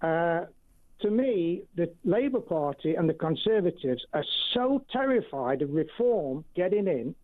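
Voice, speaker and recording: A man's voice: on the high side, lively intonation, measured pace. A man phoning in to a radio talk show as a caller, talking insistently over a phone line. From England. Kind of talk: casual call-in chat.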